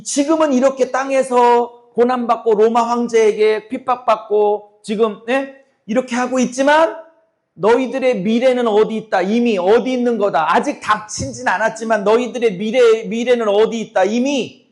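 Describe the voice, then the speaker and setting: Delivering a sermon at normal speed, this middle-aged male pastor has a high voice, now hoarse and breaking from speaking so long. He fires question after question at his congregation in a forceful, blunt style.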